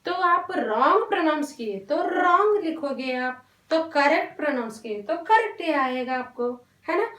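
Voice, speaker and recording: A woman teaching a Hindi lesson to young children, talking slowly and patiently, drawing out syllables and mixing in English words. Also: sits high, animated, fairly bright tone, recorded from a distance. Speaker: primary school Hindi teacher. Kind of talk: online classroom lesson. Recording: roomy echo, voice off-mic.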